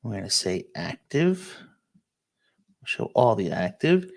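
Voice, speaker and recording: A man's voice: on the low side, big pitch swings, slow pace, vocal fry. A man, a real estate agent, giving a casual live-stream walkthrough of listings and answering viewer questions, checking in often with "okay?". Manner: casual, explanatory, many "um" and "okay?" check-ins.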